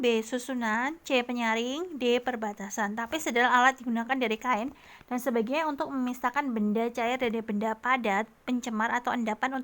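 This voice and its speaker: A woman's voice: fairly high pitch, fairly bright tone. A woman tutor walking patiently and methodically through vocabulary quiz answers, often adding tag questions. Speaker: test prep tutor.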